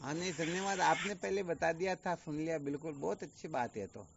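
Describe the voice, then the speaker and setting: A man's voice: on the high side, fairly quick, vocal fry, very noisy. A man acting as a spiritual teacher, giving a patient, explanatory online discourse full of rhetorical questions. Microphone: video call. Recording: dull lo-fi online call audio.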